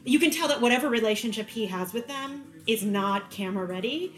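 Chatty, higher-voiced woman in an echoey room. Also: a little fast, faint music behind. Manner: chatty, self-correcting, animated. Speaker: podcast guest. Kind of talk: casual chat. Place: dining room table.

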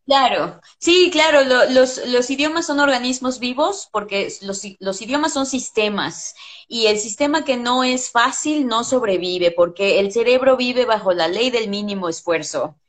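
A woman's voice: fairly high pitch, animated, moderate pace. A woman explaining language in casual conversation, emphatic and blunt, dropping slang and swear words.

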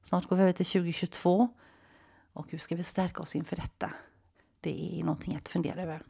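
A woman life coach hosting her own podcast, talking straight to the listener in a conversational coaching tone and guiding a visualization, sometimes dropping to a hushed half-whisper. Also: on the low side, little pitch movement, creaky, slightly rough. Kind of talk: solo podcast monologue with guided visualization.

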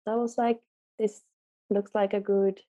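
In a casual interview held remotely, the guest is a young Finnish woman, a native speaker studying law, who responds hesitantly with lots of ums. Her medium-pitched voice is flat and mellow at an ordinary pace, and the audio sounds dull.

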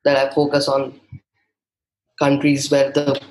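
A young Indian man, a native Hindi speaker, is the guest in a conversational interview, answering questions thoughtfully with many fillers and restarts. His mid-range voice is monotone and a little slow. The recording is rough, with slight background noise.

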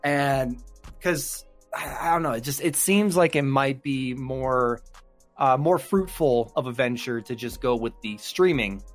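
A man's voice: mid-range voice, a little slow, soft background music. A young man co-hosting a casual podcast, rambling with lots of fillers and easy laughter. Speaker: streamer and podcast co-host. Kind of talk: casual chat.

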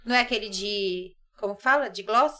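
A woman co-hosting a podcast in casual, lively chat, laughing often. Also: mid-range voice, brisk. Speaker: podcast host.

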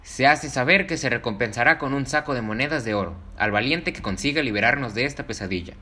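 A man's voice: medium pitch, expressive, fast talker, bright, forceful tone. A man voicing a town mayor making formal, declamatory proclamations in a children's story. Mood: formal announcing.

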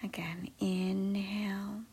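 A woman guiding a meditation in a soft, slow, mostly whispered voice. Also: medium pitch, flat delivery, breathy edge. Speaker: meditation guide. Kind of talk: guided meditation.

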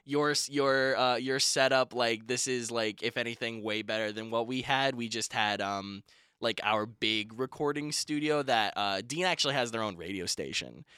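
A man's voice: medium pitch, moderate pace, sharp tone, clean tone, no room sound, studio quality. A young man chatting as a podcast guest, talkative and laughing easily, with lots of filler words. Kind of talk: casual chat. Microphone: studio podcast mic.

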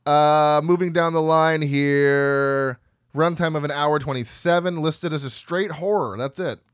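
A man's voice: on the high side, fairly even intonation, unhurried, smooth, no echo, studio quality. Man casually reading film credits. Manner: rambling, laughs at himself, stumbles over names. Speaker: podcast co-host.

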